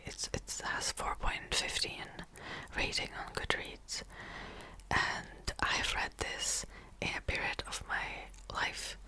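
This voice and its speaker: Recorded on poor audio, a young woman from the Czech Republic whispers right up against the mic, slow and kind of bright. Czech is her native tongue, and this ASMR creator finishes a whispered reading in a soft, unvoiced, rambling way, punctuated by small laughs.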